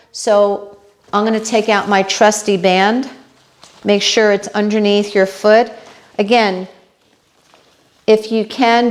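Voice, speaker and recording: A woman with a New York accent demonstrating balance exercises, chatty and unhurried, checking in with viewers as she goes. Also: a little high. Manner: unhurried, talks while demonstrating moves. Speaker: fitness instructor.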